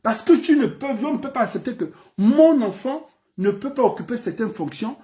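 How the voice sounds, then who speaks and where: This political commentator from Gabon has a very high-pitched yet dark-toned voice and speaks animatedly at normal speed. With a Gabonese French accent, he delivers an impassioned political speech built on repeated phrases and rhetorical questions.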